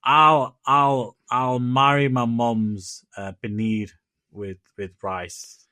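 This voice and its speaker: A man's voice: mid-range voice, flat delivery, slow, bright, forceful tone, no room sound. A man chatting casually as a podcast co-host, rambling with restarts and fillers.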